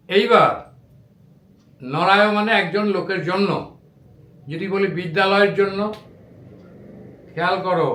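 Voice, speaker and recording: A man with a high voice gives a patient classroom grammar lesson and drills word forms slowly, one at a time. His voice echoes around the room. Faint music plays underneath. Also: fairly bright tone. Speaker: Sanskrit teacher.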